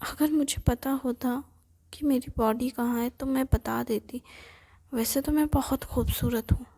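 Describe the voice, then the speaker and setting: A woman voicing a chatty, curious young female ghost who keeps asking questions and admires her own looks, in a breathy whispered role-play. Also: sits high, fairly even intonation, mellow, exaggerated voice. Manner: rapid questioning, insistent.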